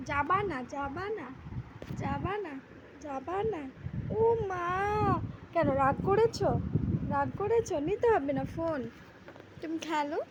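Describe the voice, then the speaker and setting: A woman coaxing and teasing a baby in a high singsong voice at home. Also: background noise. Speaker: parent talking to a baby. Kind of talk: baby talk.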